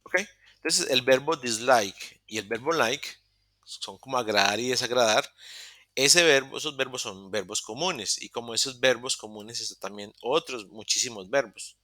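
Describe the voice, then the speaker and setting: A man teaching a virtual English lesson, his voice bright and sharp-edged in a dry, close recording. He walks through each point patiently, pausing to ask "ok?" and restarting words when he slips. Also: mid-range voice, no room sound. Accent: Latin American Spanish. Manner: patient, explaining step by step with frequent "ok?" checks; self-correcting, restarts mid-word. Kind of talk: online beginner English class. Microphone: computer mic in a virtual session.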